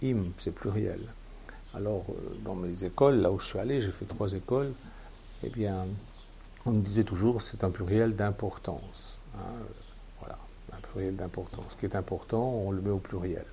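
A man's voice: lowish voice, normal speed, creaky, mellow, slight background noise. A man preaching a sermon in a teaching manner, with emphatic bursts and frequent fillers.

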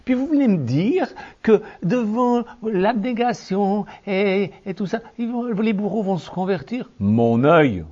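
A male preacher giving a fervent, rhetorical sermon that swings between low tones and shouted peaks. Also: dull audio.

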